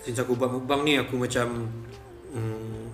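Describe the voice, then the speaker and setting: A man's voice: medium pitch, steady tone, moderate pace, reverberant, faint music behind. A Malaysian man in a casual eating vlog, chatting to viewers with his mouth full and mixing in English words. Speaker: mukbang vlogger.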